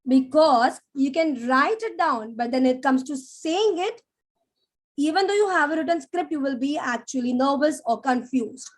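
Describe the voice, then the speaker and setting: High-voiced woman teaching. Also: normal speed. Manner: animated, demonstrates stress and pitch, checks in with "yeah?". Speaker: public speaking teacher. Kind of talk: live online class lecture.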